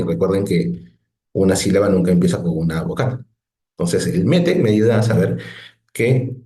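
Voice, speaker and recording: Low, mellow-voiced male teacher. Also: roomy sound. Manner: patient, explanatory, frequent "¿no?" checks and restarts. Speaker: Biblical Hebrew teacher. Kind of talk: online lesson explaining on a screen.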